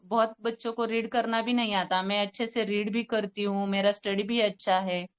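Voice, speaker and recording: A woman's voice: mid-range voice, clean tone, dull audio. A homeopathic doctor, a woman, presenting a patient case to a forum, retelling the consultation and quoting both sides with hesitant fillers.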